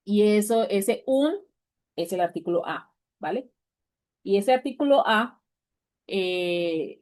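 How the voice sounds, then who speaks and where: Woman, language teacher, steady patient classroom explanation, mid pitch. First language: Spanish. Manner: patient, repeats points, checks in with "vale?". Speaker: English teacher.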